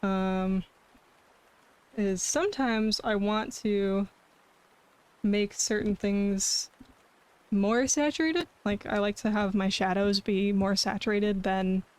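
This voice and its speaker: Hosting a cozy art stream, this woman chats casually with live viewers, adopting a cute, bubbly anime-streamer manner. She speaks slowly with frequent pauses, in a clear, resonant medium-pitched voice.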